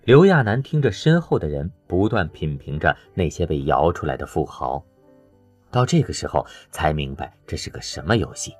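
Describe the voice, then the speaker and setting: A man narrating an audiobook in an expressive storytelling way. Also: very deep voice, moderate pace, soft background music.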